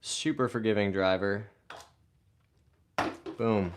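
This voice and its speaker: A man's voice: on the low side, slow pace, background noise. A man hosting a golf live stream, casually reading viewer comments aloud and answering them in an upbeat way.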